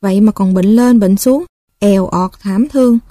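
A woman with a Southern Vietnamese accent reading a story aloud in a gentle, even storytelling manner. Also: medium pitch, moderate pace, dry recording, clean studio sound.

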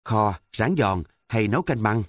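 A man voicing a brash, bossy village boy who scolds loudly and boasts. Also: lowish voice, animated, measured pace, no echo. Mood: boastful cheerful.

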